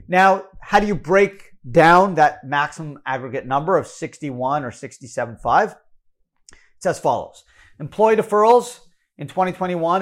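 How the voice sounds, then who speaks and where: A man with a Canadian accent explaining retirement contribution limits, brisk and number-heavy, correcting himself as he goes. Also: fairly high pitch. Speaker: financial educator. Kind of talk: explanatory talk.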